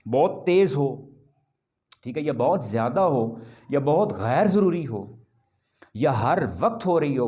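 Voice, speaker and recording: A man giving a classroom lecture as a presentation skills trainer, emphatic and lively, mixing English phrases into his talk and often checking whether students follow. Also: mid-range voice. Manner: mixes English phrases into Hindi-Urdu.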